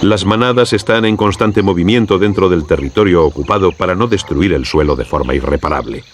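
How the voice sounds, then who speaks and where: A man with a low, deep voice and a Castilian Spanish accent narrates a nature documentary. His delivery is measured and formal, like scripted storytelling. Crickets and animal ambience sound clearly behind him. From Spain. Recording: clear background noise with insect ambience.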